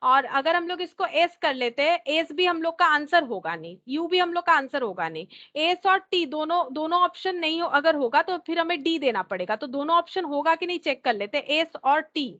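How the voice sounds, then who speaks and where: A woman's voice: sits high, lively intonation, normal speed, hardly any pauses, sharp tone, dull audio. A woman teacher working through a test question step by step, thinking aloud and repeating each point, with English terms mixed into her talk. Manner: mixes English terms into Hindi. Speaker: reasoning teacher.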